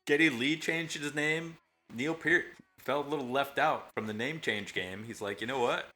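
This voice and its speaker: Dry funny guy cohost, bright voice. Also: mid-range voice, moderate pace, soft background music. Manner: dry, wry humor. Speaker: podcast co-host. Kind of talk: casual chat about music.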